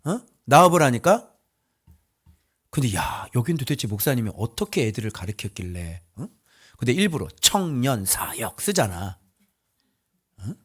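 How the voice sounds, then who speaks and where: A male pastor preaching in a colloquial, emphatic way, often asking his listeners rhetorical questions, swinging between loud outbursts and low mutters. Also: sing-song, moderate pace, husky. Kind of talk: sermon.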